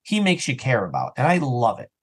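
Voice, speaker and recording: A husky-voiced man of medium pitch talks fairly quickly with huge swings in pitch. Interviewed on a podcast about his work writing and acting in audio drama, he is casual, opinionated and emphatic.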